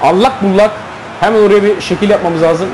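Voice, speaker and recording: A man with a Turkish accent giving live commentary on his own football video game, cheering and complaining loudly at the play. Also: high-pitched, fairly even intonation, fairly quick, over music. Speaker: gameplay commentator.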